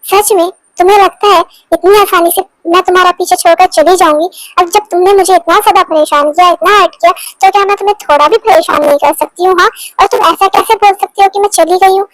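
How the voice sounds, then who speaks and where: A woman's voice: very high-pitched, fairly even intonation, fast talker, hardly any pauses, no room sound, poor audio. A woman voicing a hurt young girlfriend who scolds and teases her boyfriend, in a fan-dubbed romance. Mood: teasing. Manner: scolding then apologetic. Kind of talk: Hindi fan dub of a romance story.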